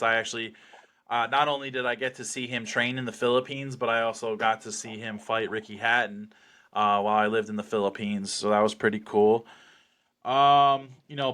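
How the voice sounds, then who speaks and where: A man's voice: mid-range voice, pushed and bright, clean tone. A man being interviewed as a fighter, chatting casually with cocky, sweary bravado.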